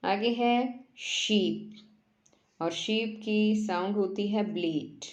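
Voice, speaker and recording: A woman teacher, explaining a workbook lesson in Hindi and reading English lines slowly, word by word. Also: mid-range voice, roomy sound.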